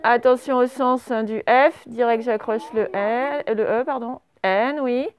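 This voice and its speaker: A woman's voice: on the high side, unhurried. A woman teaching a dictation lesson to young children, patiently spelling out words letter by letter. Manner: patient and encouraging. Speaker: primary school teacher.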